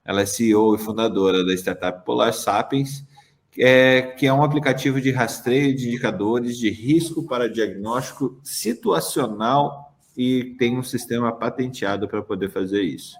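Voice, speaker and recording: This host's voice is mid-range and his pace moderate as he leads a casual podcast chat. He introduces guests, jokes around with them, and talks in a lively way full of laughs and restarts.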